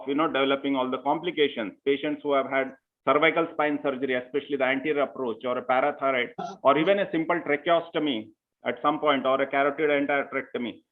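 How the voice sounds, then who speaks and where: A man, a surgeon giving a conference lecture in a methodical, step-by-step way, often saying "you know" as he goes. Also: mid-range voice. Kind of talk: medical lecture. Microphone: remote call line. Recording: tinny phone-like call audio.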